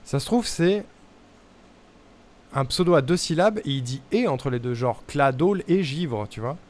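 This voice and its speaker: A man's voice: on the high side, animated, a little slow, darkish tone. A young man streaming a puzzle game, thinking aloud in casual chat as he tests guesses and mutters to himself. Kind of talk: casual live-stream commentary.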